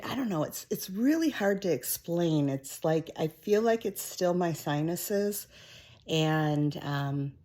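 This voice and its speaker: Middle-aged woman with a low voice, rambling casual home vlog, lots of ums. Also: darkish tone. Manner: rambling and candid, with many fillers. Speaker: vlogger.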